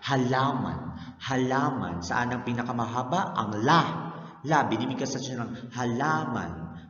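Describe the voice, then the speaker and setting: A man teaching a language lesson, explaining step by step and often checking in with a quick "no?", mixing English terms into his speech. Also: medium pitch, fairly bright tone. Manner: explanatory, frequent "no?" tag checks. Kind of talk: recorded Filipino language lecture. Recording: roomy echo, dull lo-fi sound.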